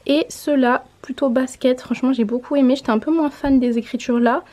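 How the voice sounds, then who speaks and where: A woman's voice: high voice, fairly even intonation, fairly quick, dark tone. A woman in her twenties chatting casually in a haul vlog, showing clothes to the camera and correcting herself as she goes. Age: 20s. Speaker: mom vlogger. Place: home room by a window.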